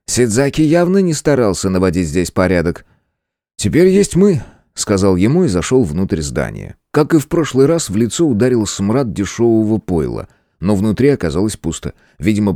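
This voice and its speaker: A man narrating a fantasy novel in the first person, with a lively, expressive reading. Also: low-pitched, brisk, no room sound, clean studio sound. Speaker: audiobook narrator.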